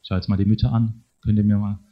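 A man's voice: on the low side, level tone, fast talker. A middle-aged man preaching a conversational sermon, speaking straight to his listeners and ending many sentences with a questioning tag. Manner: talks to the congregation directly, tags sentences with a questioning "ne?". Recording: dull lo-fi sermon recording.

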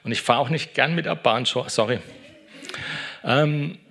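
A middle-aged man, a pastor, giving a relaxed, chatty devotional talk, often tagging his sentences with a questioning "ne". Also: mid-range voice, a little slow, gravelly.

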